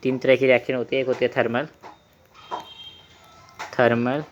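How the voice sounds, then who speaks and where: A man's voice: mid-range voice, flat delivery, moderate pace, lo-fi sound, faint music behind. A young man teaching a chemistry lesson while he writes, asking the class questions and repeating key terms.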